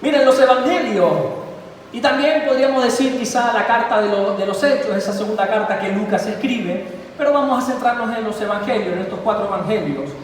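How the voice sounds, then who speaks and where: A man preaching in a high, bright voice, heard from some distance across a large hall. His words ring with a long echo, and a faint hum sits underneath. He preaches with animated energy and lifts his voice when he acts out cries. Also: fairly quick. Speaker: pastor. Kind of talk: sermon. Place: church hall. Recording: echoey church hall from far off, faint background noise.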